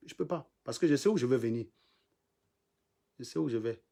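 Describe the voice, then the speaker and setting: A man with a Cameroonian French accent runs a live stream and goes after his commenters with scorn. His voice sits at a middle pitch, and he hammers his points by saying them over again in a combative, mocking tone. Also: brisk, creaky, warm tone. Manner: mocking, combative, repeats lines for emphasis. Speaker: livestream host. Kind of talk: insulting live-stream rant.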